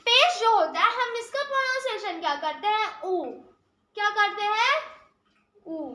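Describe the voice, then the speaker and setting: A woman teaching the Urdu script, who asks questions and answers them herself, repeats key sounds slowly and mixes English words into her Hindi. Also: very high-pitched, sharp tone, echoey room. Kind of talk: spoken tutorial explaining Urdu script.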